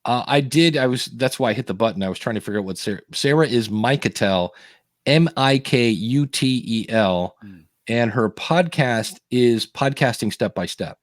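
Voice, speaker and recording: Animated man hosting a podcast. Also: medium pitch, normal speed, no echo, studio quality. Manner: animated, acts out quotes in shifting voices. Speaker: podcast coach and host. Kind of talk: casual podcast chat.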